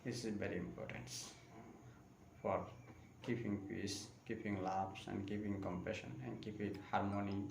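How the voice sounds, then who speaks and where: A Buddhist monk giving a live-streamed Dharma talk in slow, repetitive. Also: male voice, on the low side, flat delivery, creaky. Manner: slow, repetitive phrasing in non-native English. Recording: echoey room with faint ambient noise.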